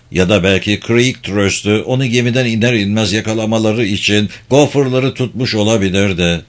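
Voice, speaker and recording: A man reading a thriller novel aloud in a steady, measured storytelling delivery. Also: medium pitch. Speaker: audiobook narrator. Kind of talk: scripted narration.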